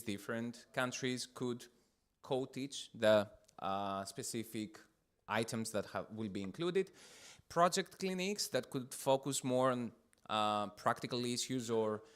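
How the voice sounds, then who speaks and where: Male workshop facilitator at a conference, mid-pitched, smooth clear voice, steady instructive delivery. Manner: gives instructions, lists options with fillers. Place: conference room.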